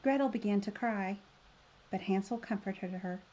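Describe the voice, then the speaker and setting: A woman's voice: mid-range voice, normal speed, mellow, lo-fi sound. A woman reading a children's story aloud as a storyteller, in the manner of a fairy tale opening.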